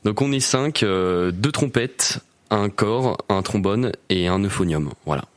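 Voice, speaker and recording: A young man from Normandy, a guest musician chatting casually in a radio interview, relaxed with lots of fillers. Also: lowish voice, measured pace, no echo. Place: radio studio.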